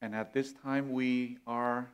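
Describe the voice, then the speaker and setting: Middle-aged man, measured guest sermon, mid pitch. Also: level tone, clear, resonant tone, dull audio. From Vietnam. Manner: earnest, warm, gesturing as he preaches. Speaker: guest preacher. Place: church stage indoors.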